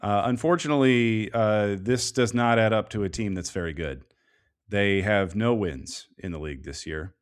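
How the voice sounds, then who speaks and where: A man co-hosting a casual sports podcast, talking through soccer analysis in a measured way, thinking aloud with plenty of fillers. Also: lowish voice. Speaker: podcast co-host.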